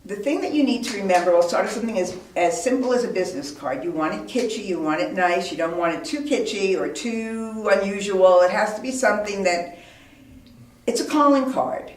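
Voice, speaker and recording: A woman's voice: medium pitch, fairly quick, a little hiss or hum. A woman giving an informal instructional talk as a business owner, offering practical advice in an emphatic way. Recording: roomy, echoey, distant microphone.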